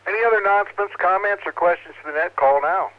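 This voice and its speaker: A man's voice: high voice, fast. A man casually hosting an amateur radio net as its controller, heard over radio. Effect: two-way radio. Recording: dull, lo-fi radio audio.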